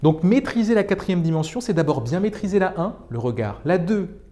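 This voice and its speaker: Man, middle-aged, public speaking coach; somewhat high-pitched, expressive delivery that swings between slow and fast. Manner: expressive, demonstrates exercises with varied pace and volume. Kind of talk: video lesson.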